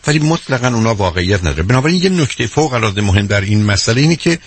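A man's voice: fairly low pitch, sing-song, breathy edge. A man speaking as a hypnotherapist guest in an interview, explaining his points carefully with worked examples in a lecturing way.

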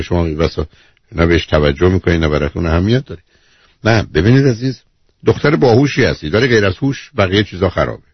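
A man's voice: sits low, husky, no room sound, highs cut off. A man hosting a call-in advice show, bluntly interrupting and lecturing the caller. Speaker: radio advice host. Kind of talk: call-in counselling.

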